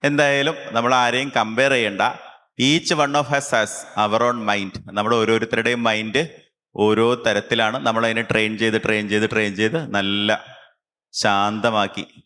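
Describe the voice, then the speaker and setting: Brief: male camp instructor, clear bright voice, slow guided instructions. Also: mid-range voice. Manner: slow, calm instructions with long pauses. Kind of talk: guided concentration exercise.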